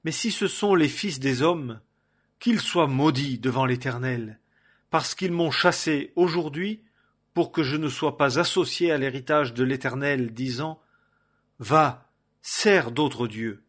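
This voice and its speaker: A man's voice: mid-range voice, steady tone, a little slow, few pauses, fairly bright tone. A man voicing a young male warrior, declaiming in a raised voice. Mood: pleading.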